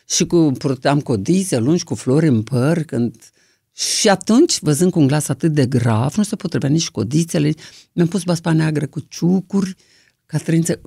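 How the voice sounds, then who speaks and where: An older woman with a deep, low singer's voice that carries a gravelly edge. She tells her stories in a lively, expressive way. The sound is dry and close. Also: no echo. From Romania. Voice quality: low, deep singing-trained voice. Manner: lively, expressive anecdotal storytelling. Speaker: interviewee, singer. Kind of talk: storytelling in an interview.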